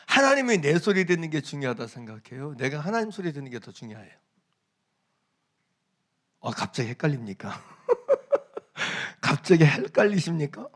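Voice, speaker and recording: A man's voice: fairly high pitch, sing-song, a little fast, a bit bright. A male pastor preaching a sermon, emphatic, repeating his phrases and putting questions to the congregation.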